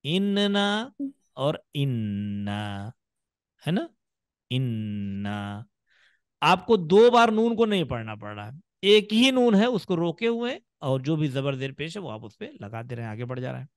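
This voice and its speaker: Male online teacher, rather high voice, slow and patient, dry sound. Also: sing-song, no echo. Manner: patient, drawn-out demonstrations of sounds. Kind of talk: online class teaching Quran reading. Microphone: video call.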